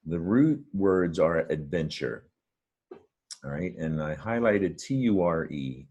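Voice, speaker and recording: A man's voice: low voice, expressive, slow pace, a little mellow, husky, muffled recording. A man teaching a reading lesson, patient and encouraging as he explains words step by step. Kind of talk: friendly reading lesson to camera.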